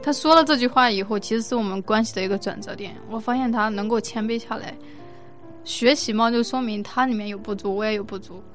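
A woman with a somewhat high voice speaks frankly and reflectively about her marriage, laughing lightly now and then. Faint music sits quietly in the background. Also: quick pace. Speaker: wife giving a couple's testimony. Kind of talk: casual spoken testimony.

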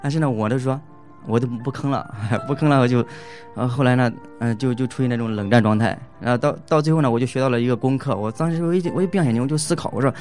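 A man's voice: mid-range voice, a little mellow, soft background music. A man giving a casual spoken testimony about his marriage as a husband. He hesitates, restarts and fills gaps as he talks, and he laughs often. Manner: halting, full of fillers and restarts, laughs often.

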